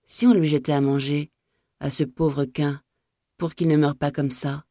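A meek countrywoman servant in a storybook reading, speaking softly and slowly with quiet resignation, as the reader puts her on. The tone is mellow, close and dry. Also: medium pitch, level tone, no echo, natural voice. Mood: resigned. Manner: soft, slow, resigned. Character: resigned peasant maid woman, meek and soft-spoken.

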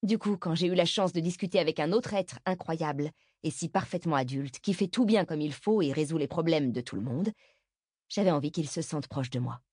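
A woman reading the part of an insecure young woman who wants to be liked, in a lively confiding tone. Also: deep voice, brisk, breathy edge, dry recording, studio quality. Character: young woman, self-doubting, eager to be liked.

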